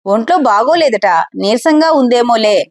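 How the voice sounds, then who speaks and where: A woman's voice: a little high, expressive, moderate pace, no echo, clean studio sound. A woman voicing a nosy middle-aged neighbor woman who fishes for gossip with probing questions. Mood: prying.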